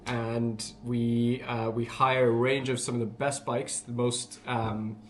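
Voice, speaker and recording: A man's voice: medium pitch, level tone, slow. Man with a Northumberland accent, chatting casually. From Northumberland, England. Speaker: bike hire centre worker being interviewed. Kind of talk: casual interview chat.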